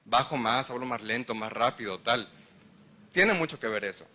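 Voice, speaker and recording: A man's voice: medium pitch, animated, normal speed, pushed and bright. A man with a Mexican accent giving a public lecture, engaging the audience with questions. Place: lecture hall.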